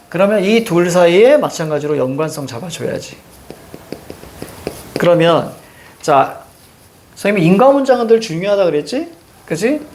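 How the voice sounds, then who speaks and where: A middle-aged man teaches in a classroom, explaining exam answers step by step. He keeps checking in with his students through short tag questions. His voice sits on the higher side for a man. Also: creaky, darkish tone. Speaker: Korean language teacher. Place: classroom with a blackboard.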